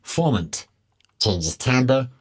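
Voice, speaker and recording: A man's voice: medium pitch, sing-song, extremely slow, husky, exaggerated voice. A man whose voice is formant-shifted and vocoder-processed so it sounds artificial and robot-like, reading a scripted rundown of features.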